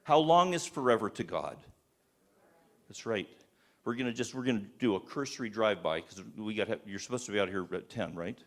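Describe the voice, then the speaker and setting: A man with a lowish voice preaches to a gathered audience with fervent conviction. He drives his points home with rhetorical questions and stumbles through frequent restarts as he presses on. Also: animated, fairly quick. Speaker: speaker at a church event. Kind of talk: impassioned sermon-style presentation. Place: live talk before an audience.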